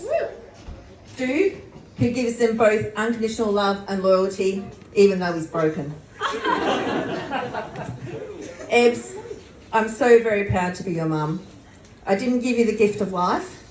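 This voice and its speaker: A woman's voice: mid-range voice, a little mellow, slight background noise. A woman, mother of the bride, giving a heartfelt prepared wedding speech. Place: wedding reception room. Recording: echoey hall, mic far off.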